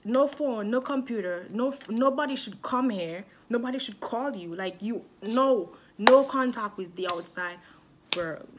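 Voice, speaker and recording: A woman's voice: mid-range voice, normal speed, a little hiss or hum, close to an everyday voice. Young woman quoting her stern strict mother. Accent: Dominican. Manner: firm, emphatic listing.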